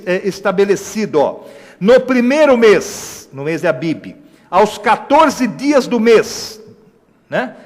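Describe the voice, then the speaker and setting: Brazilian pastor preaching, high lively voice, lots of questions to the crowd, big church echo. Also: male voice. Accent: Brazilian Portuguese. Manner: emphatic preaching with rhetorical questions and asides to the congregation. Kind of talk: sermon. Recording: echoey church hall reverb.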